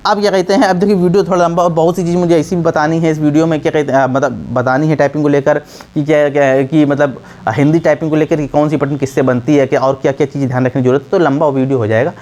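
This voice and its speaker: A man's voice: on the high side, flat delivery, fast talker, few pauses, darkish tone. A man teaching typing in a casual, repetitive way, full of fillers and restarts, often checking that the listener follows. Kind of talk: casual spoken tutorial.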